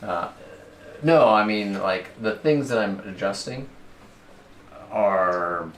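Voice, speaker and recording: A man's voice: on the low side, animated, takes it slowly. A man painting on a livestream, talking reflectively about his work and searching for his words. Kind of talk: casual livestream chat. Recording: roomy, noisy, echoey room.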